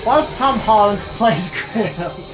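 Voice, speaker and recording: A playful woman riffing in casual let's play banter, throwing out jokes and teasing her friends. Her voice sits at a middle pitch over steady game music. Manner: playful, jokey, quick to tease. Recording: music playing behind the voice.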